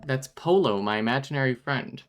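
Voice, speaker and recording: A man's voice: medium pitch, animated, fairly quick, faint music behind, close to an everyday voice. A man reading aloud the game lines of an earnest young boy in an asylum, in a plain, friendly way.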